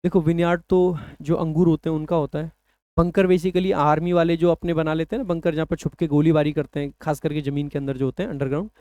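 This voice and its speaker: A man teaching English vocabulary for an exam, explaining patiently and slowing down to read English phrases aloud. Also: on the high side, flat delivery, warm tone, smooth, dry recording. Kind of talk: exam-prep lesson.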